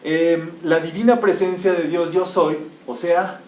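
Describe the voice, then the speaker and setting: A man's voice: a little high, fairly even intonation, unhurried, darkish tone. A man teaching a spiritual lecture to a live group, emphatic and quizzing his listeners with questions. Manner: emphatic, asks the audience rhetorical questions. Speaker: metaphysics teacher. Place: echoey room with listeners. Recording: echoey room, mic far off, faint hiss.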